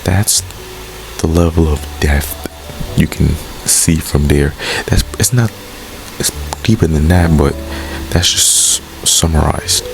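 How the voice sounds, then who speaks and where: Over background music, a young man from the United States, a vlogger and poet, reflects candidly and earnestly on his life in a personal monologue, repeating phrases to stress them. He speaks slowly in an extremely low, creaky voice.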